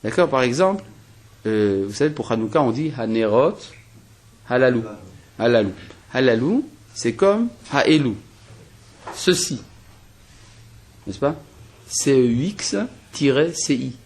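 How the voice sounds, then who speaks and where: Husky-voiced man teaching a lesson. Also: medium pitch, animated, measured pace, long pauses, darkish tone. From Algeria. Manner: explains step by step, asking rhetorical questions; hesitant restarts and fillers while reasoning. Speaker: rabbi teaching a class. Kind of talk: spoken Torah lesson.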